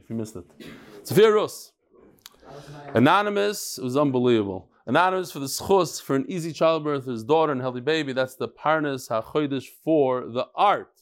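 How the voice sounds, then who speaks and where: A mature man, a rabbi teaching a Talmud class in an informal, conversational way, posing questions and answering them himself. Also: on the high side. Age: middle-aged or older. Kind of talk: informal lecture with chatty asides.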